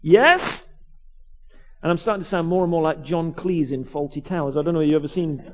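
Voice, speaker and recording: A man, a vicar, preaching by telling a lively personal story, acting out the voices of the people in it and often restarting his words. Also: on the high side. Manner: animated, acts out voices, quick restarts. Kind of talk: storytelling sermon.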